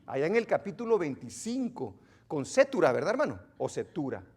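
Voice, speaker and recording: Animated high-voiced male preacher. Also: fairly quick, slightly rough. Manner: quizzes the congregation, joking and exclaiming. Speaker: pastor. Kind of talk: interactive Bible teaching sermon. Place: church.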